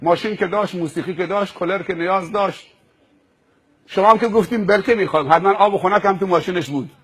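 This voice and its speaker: A male preacher telling a moral story in a sermon, animated and dramatic, piling up repeated phrases. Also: high voice, husky.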